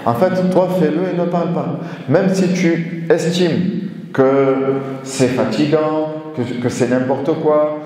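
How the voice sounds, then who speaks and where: A man's voice: on the high side, steady tone, takes it slowly, warm tone. A man who is an imam, giving a sermon that mixes French with recited Arabic verses and repeats key phrases for emphasis. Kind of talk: Friday sermon lecture. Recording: echoey hall, mic at a distance.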